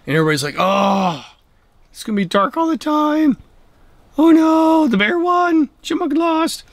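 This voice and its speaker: His voice is very high-pitched, moving at a moderate pace in a dry recording. The middle-aged camping vlogger holds his camera at arm's length, telling a rambling, chuckle-filled bedtime story inside a tent at night and later chatting animatedly about a hiking trail outside.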